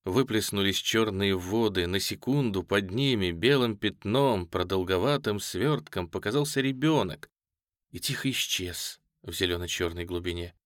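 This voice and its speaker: A man reading a novel aloud in a measured, solemn manner, close to the mic. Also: sits low, fairly bright tone, dry recording. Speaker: audiobook narrator. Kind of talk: scripted literary narration.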